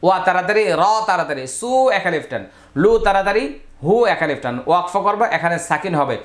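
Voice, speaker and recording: A man teaching Quran reading, spelling out syllables slowly and then chanting the words in long, drawn-out recitation. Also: high-pitched, animated, fairly bright tone. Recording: roomy echo.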